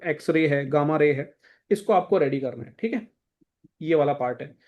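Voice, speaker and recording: A young man with a slightly high, darkish voice takes students through textbook chapters to prepare them for an exam. His style is relaxed but directive, and "thik hai" comes up again and again as he checks in.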